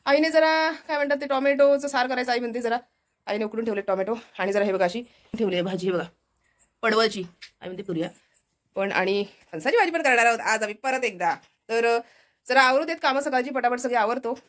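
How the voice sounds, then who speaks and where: Fast-talking chatty woman vlogger. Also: on the high side, a bit bright. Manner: chatty, walks about showing the house. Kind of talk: casual vlog chat. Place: village home, indoors and out.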